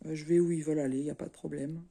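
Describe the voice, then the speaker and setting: A middle-aged woman from France, a craft vlogger chatting casually to her viewers in a relaxed, easygoing way with many fillers. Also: sits low, racing, creaky, slightly rough. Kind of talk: casual chat to camera.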